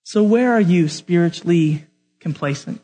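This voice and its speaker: A young man preaching a sermon, asking his listeners direct questions and telling animated stories with jokes. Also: high voice, moderate pace, faint music behind. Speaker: youth pastor.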